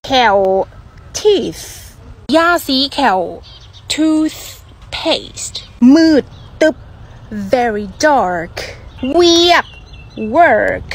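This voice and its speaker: A young woman with an Isan accent giving a playful, teasing pronunciation lesson and repeating words slowly. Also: high-pitched. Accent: Isan (Northeastern Thai). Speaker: pronunciation teacher.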